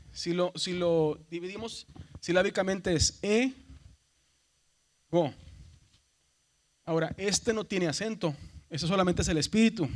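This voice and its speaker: A middle-aged man teaching Greek pronunciation in a seminary classroom. He explains patiently and keeps checking that the class follows. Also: high voice. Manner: explains patiently, often checks understanding with "verdad". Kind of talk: classroom lecture.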